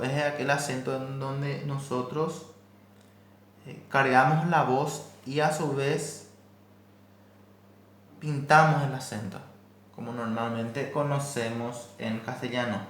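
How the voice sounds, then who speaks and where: A man teaching a language class, explaining slowly and carefully and repeating each example. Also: mid-range voice, steady tone, reverberant. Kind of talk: recorded class lesson.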